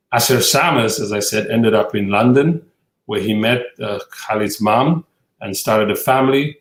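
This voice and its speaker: A male podcast host with a lowish voice introduces a film and then questions his guest, speaking haltingly with lots of fillers. The audio is poor and sounds roomy.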